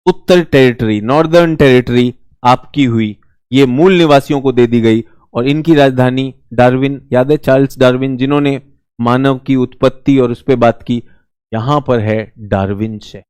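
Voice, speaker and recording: Clear, lively male teacher. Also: mid-range voice, normal speed, no room sound, studio quality. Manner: lively, joking, acts out brief mock voices. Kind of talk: live online exam-prep lesson.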